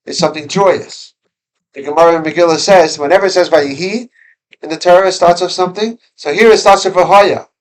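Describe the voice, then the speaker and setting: Higher-pitched man teaching a class. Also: brisk, low-quality recording. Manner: conversational, questions the students, frequent restarts. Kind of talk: classroom Torah lesson. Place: school classroom.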